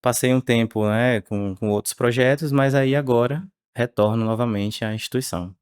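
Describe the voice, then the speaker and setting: A man, speaking as the researcher guest on a podcast interview in a measured way with frequent tag questions. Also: mid-range voice, a little mellow, smooth, dry recording, clean studio sound. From Salvador, Bahia, Brazil.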